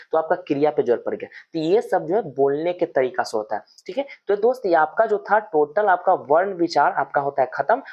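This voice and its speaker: Man teaching grammar, lo-fi audio. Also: fairly high pitch. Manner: explains slowly, repeats example words with stress; addresses viewers as friends. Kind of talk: online grammar lesson.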